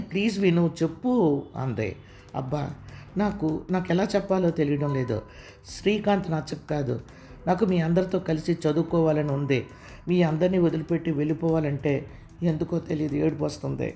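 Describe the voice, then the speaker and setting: Male audio-serial narrator, slightly high voice with gravel, voices all characters. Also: dark tone. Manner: reads dialogue with small pitch lifts for each character.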